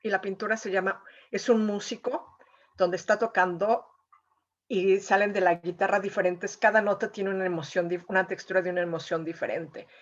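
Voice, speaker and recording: With a medium-pitched, steady voice at a moderate pace, a woman from Mexico who paints recounts an emotional story as a guest in an interview. She leans heavily on fillers like "eh" and "o sea," and the audio sounds dull.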